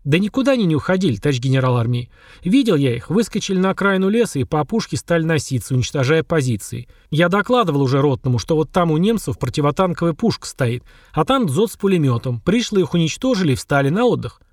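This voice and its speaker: A man's voice: fairly high pitch, very animated, quick pace, no room sound, clean studio sound. A man reading the part of a blunt, fearless veteran army sergeant in an audiobook, with a confident, plain-spoken manner. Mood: reporting.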